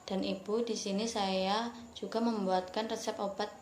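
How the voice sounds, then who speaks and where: A reassuring doctor acted by a woman in a scripted role-play, speaking at a medium pitch. The room is echoey, with faint noise behind. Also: level tone, normal speed, a little mellow, lightly acted. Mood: calm, explanatory. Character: reassuring female doctor explaining treatment.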